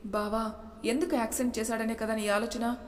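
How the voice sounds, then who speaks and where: A woman's voice: fairly high pitch, little pitch movement, a little fast, lightly acted. A woman voicing a feisty young wife who answers back boldly, in a storybook reading. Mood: persuasive. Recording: echoey room with long reverb.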